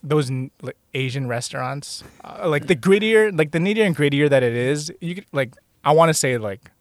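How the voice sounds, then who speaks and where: A man's voice: fairly high pitch, animated, brisk, no echo, clean studio sound. Young man telling stories in casual chat. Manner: storytelling, full of "like" and fillers.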